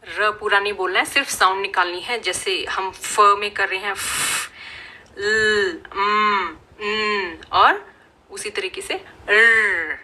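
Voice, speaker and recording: Slow, bright-voiced woman teaching phonics. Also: mid-range voice. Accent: Indian. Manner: slow, patient, demonstrating each sound. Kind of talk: phonics lesson.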